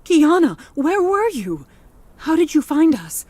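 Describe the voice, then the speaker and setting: A woman's voice: sits high, very animated, a little slow, darkish tone, no room sound. A woman voicing a devoted, headstrong older grandmother in a game cutscene, speaking in an emotional, pleading way. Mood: worried.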